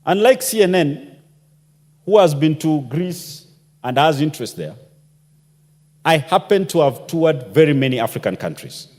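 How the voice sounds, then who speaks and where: Pitched a little high and darkish in tone, this male parliamentarian speaks expressively at a measured pace, leaving long pauses. His impassioned speech is packed with rhetorical questions, captured amid the long reverb of a large chamber.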